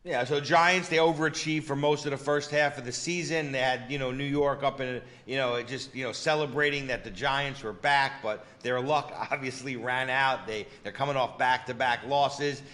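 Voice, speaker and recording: A man's voice: mid-range voice, steady tone, normal speed, few pauses, fairly bright tone. A man co-hosting a sports betting chat, confident, with lots of "you know" fillers and punchy catchphrases. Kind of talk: casual betting-picks chat.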